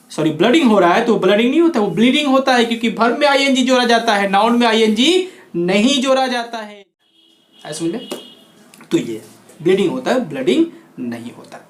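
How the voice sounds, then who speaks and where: A man from India teaching spoken English pronunciation, lively, asking and answering his own questions. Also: high voice. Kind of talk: spoken-English lesson in Hindi. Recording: echoey room.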